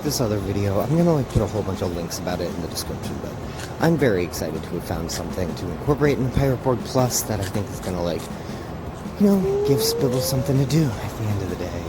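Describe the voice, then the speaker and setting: A man narrating a solo tabletop game in a relaxed, rambling way with many fillers. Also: fairly low pitch.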